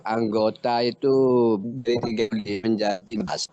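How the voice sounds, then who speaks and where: A man's voice: lowish voice, fairly even intonation, darkish tone, dry recording. Man on a choppy, breaking-up call line. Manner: polite, halting, speaks in short fragments. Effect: audio breaking up over a weak call connection. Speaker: training participant asking a question. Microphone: video call. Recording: dull, dry, choppy video-call audio.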